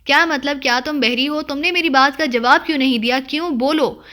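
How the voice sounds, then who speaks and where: A woman voicing an angry, bullying male spy chief who shouts his orders in an audiobook. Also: high voice. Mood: furious. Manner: shouting, hot-tempered, bossy.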